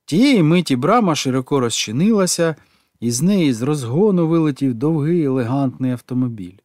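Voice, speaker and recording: A man narrating an audiobook in an expressive, animated way. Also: on the high side, a little fast, no echo, clean studio sound.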